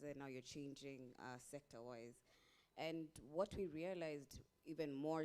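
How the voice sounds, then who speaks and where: A Kenyan-accented woman answers on a workshop panel as an investor, laying out her lessons point by point. Her low voice is smooth, resonant and mellow, and she restarts a phrase now and then and laughs occasionally.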